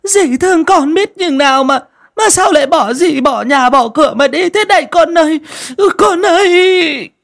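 A man putting on a shrill wailing village woman. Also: lively intonation, gravelly, a bit bright, heavily acted. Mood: wailing grief. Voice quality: shrill, sobbing wail. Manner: drawn-out theatrical lamenting. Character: scheming middle-aged village woman wailing fake tears.

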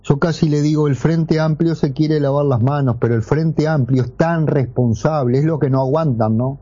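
A middle-aged Uruguayan radio host talking casually, ironic and fond of rhetorical questions. His voice sits a bit high but sounds mellow and dark. It comes through a dull, muffled AM radio broadcast. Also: moderate pace. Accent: Uruguayan Spanish. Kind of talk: casual radio talk and commentary. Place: radio studio.

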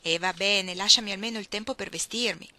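A woman reading aloud, voicing a gentle, hesitant young woman who answers cautiously. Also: mid-range voice, brisk, no room sound. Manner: hesitant, mild questioning.

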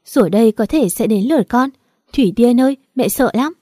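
A woman's voice: fairly high pitch, lively intonation, brisk, mellow, no room sound, studio quality. A woman reading a storybook plays a deceitful, manipulative mother who pleads in a sobbing, melodramatic way.

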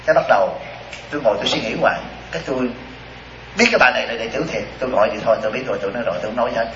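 A man giving a lively dharma talk as a monk, telling stories and asking rhetorical questions. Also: mid-range voice, very fast, slight background noise. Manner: animated, acts out voices in stories, rhetorical questions. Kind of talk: sermon with storytelling. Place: retreat hall. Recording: dull roomy hall recording.

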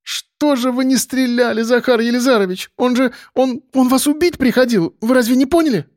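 A man voicing a young woman journalist, a Komsomol volunteer, in a high pleading voice. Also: moderate pace, no room sound, clean studio sound. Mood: reproachful.

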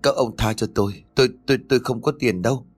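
A man's voice: fairly low pitch, brisk, natural voice. A man voicing a frightened young village man who stammers and pleads in a rush, in an audio horror story. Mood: panicked.

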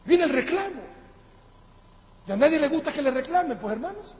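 A high-voiced male pastor with a Latin American Spanish accent preaches a sermon, animated and fairly quick, calling his listeners brothers. His emphatic delivery swings between loud outbursts and quiet asides. The recording is from an echoey hall, with dull lo-fi sound and faint noise.

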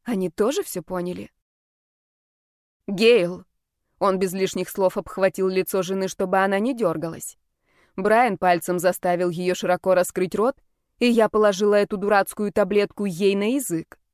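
A woman reading a first-person audiobook with an even, expressive delivery. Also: medium pitch, brisk, dry recording, studio quality. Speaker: audiobook narrator.

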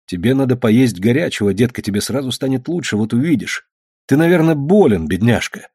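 A man with a husky voice playing an ironic middle-aged father who is sharp and mocking, then tender, in a read-aloud novel. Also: mid-range voice, expressive, a little fast, dry recording, clean studio sound. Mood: gentle. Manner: sarcastic, then soft and tender.

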